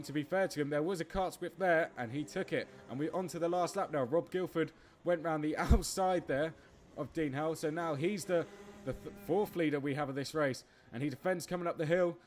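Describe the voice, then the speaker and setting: A man calling a kart race live, excitable, breaking into laughs and tripping over his words. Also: on the high side, a little hiss or hum. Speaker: race commentator. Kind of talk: live motorsport commentary.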